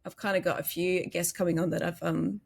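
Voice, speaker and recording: A woman's voice: on the low side, flat delivery, brisk, vocal fry, husky. A woman with an Australian accent hosting a casual interview, chatty, laughing easily and using plenty of fillers. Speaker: podcast host.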